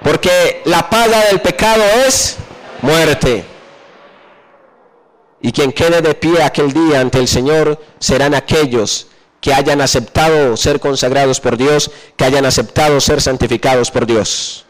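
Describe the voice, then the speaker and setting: High-voiced preacher quizzing his congregation. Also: rough recording. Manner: asks the congregation questions and pauses for answers; slows down and drops low on key phrases. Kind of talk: sermon.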